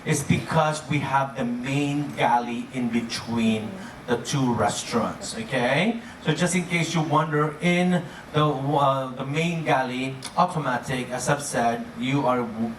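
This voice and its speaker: A man's voice: medium pitch, measured pace, few pauses. A man speaking as an upbeat, playful cruise director, giving a joking live presentation to guests. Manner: chuckles often at own jokes. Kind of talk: comedic live presentation to an audience. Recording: echoey noisy room, distant mic.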